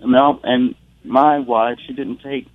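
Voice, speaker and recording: A man from Mississippi calling in to a radio show over the phone, earnest and halting, searching for his words. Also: medium pitch, steady tone, no echo. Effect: heard over the phone. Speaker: radio call-in caller. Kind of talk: call-in commentary. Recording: tinny phone line, dry.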